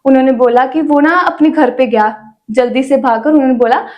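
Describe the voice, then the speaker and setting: A young woman with a high voice tells her faith testimony in a casual interview. She talks in a chatty way, with many small fillers between her words. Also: a little fast, dull audio. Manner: chatty storytelling with frequent "ना" fillers. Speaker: guest sharing her testimony.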